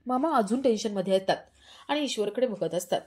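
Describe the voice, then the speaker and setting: A woman narrating a television serial recap in a steady storytelling voice. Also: medium pitch, a little fast, slightly rough.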